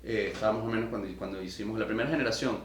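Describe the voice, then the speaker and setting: A man's voice: fairly low pitch, rapid-fire, a little hiss or hum. Venezuelan man hosting, in an echoey room. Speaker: podcast host. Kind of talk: casual interview conversation.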